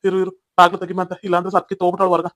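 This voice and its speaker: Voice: medium pitch, monotone, very fast, a bit bright, no room sound, lightly acted. A performer with a North Karnataka Kannada accent voicing a smug, swaggering cheating husband in a cartoon comedy. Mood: scornful. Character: smug cheating husband, rich village man.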